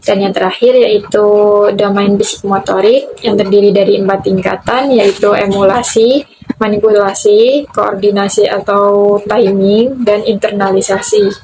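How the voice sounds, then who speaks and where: A young woman, a university student, reading a prepared class presentation in a measured way, with occasional slips and restarts. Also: medium pitch, steady tone, a little mellow, a little hiss or hum, low-quality recording. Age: young adult.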